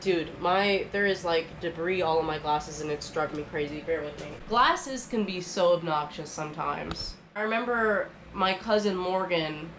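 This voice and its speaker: A woman's voice: lowish voice, normal speed, few pauses, a bit bright, a little hiss or hum, poor audio. A young adult woman chatting to camera at home in a rambling, casual way, full of filler words. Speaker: vlogger.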